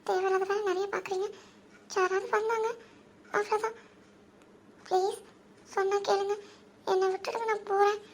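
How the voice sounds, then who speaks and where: A woman's voice: very high voice, little pitch movement, moderate pace, long pauses, slight background noise. A woman voicing a shy, frightened young woman in a cartoon, nervous and pleading. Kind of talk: cartoon voice acting.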